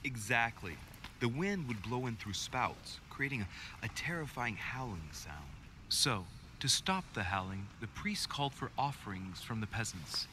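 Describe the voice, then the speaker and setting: A man's voice: mid-range voice, lively intonation, a little slow, bright, forceful tone. An actor playing a young male investigator in a game, earnest and slightly anxious. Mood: storytelling. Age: young adult. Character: young male investigator Louis, nervous yet clever. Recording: noisy game audio.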